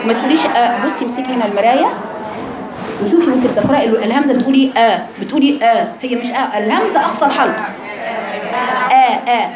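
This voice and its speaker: A woman with an Egyptian accent teaching Quran recitation to a class of women, correcting mistakes and drilling sounds with repeated drawn-out syllables. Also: fairly high pitch, expressive. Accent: Egyptian Arabic. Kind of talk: tajweed lesson to a class. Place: room with a group of women students. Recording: echoey room with crowd chatter.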